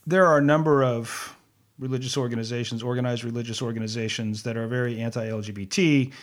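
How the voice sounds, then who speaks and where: A man interviewing a guest who teaches courses, talking conversationally with halting restarts. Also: medium pitch, fairly even intonation. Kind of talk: interview questions.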